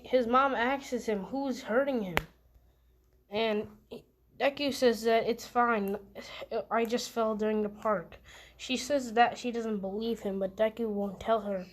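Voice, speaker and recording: A woman improvising a fan story casually, hesitating with ums and restarts. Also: medium pitch.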